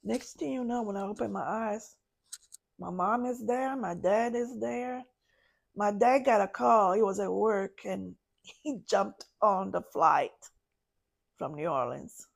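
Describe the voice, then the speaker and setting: Woman guest on a podcast, real gravelly voice, talks slow, stops n restarts a lot. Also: mid-range voice. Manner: halting, restarts, searching for words. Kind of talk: personal story told in an interview.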